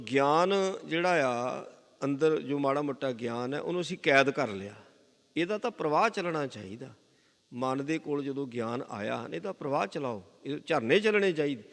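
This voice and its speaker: A man with a Punjabi accent preaches a Sikh sermon, circling back over each point and breaking into chanted scripture lines. His voice is gravelly with a raised pitch. A long reverb carries it through the gurdwara hall. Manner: explains scripture with repeated phrases and chanted quotations. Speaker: Sikh preacher giving katha.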